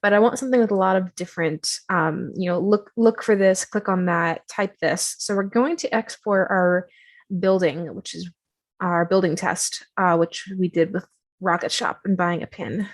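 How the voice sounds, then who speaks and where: A woman casually walking viewers through a software tutorial on her screen, chatty and self-deprecating, with many fillers. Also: lowish voice, normal speed.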